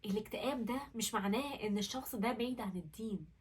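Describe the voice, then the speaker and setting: Young woman, Egyptian Arabic accent, husky, rapid speech, earnest and emotional, personal vlog, distant mic. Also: on the high side. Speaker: vlogger.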